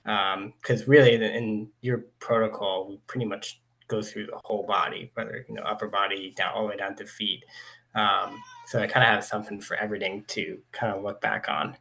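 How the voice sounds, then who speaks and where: A man's voice: on the low side, flat delivery, fairly quick, creaky, rough recording. A man at home answering interview questions in a hesitant, casual way with many fillers. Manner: hesitant, many "um" and "like", trails off softly. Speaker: former client and interview guest. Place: at home with a cat.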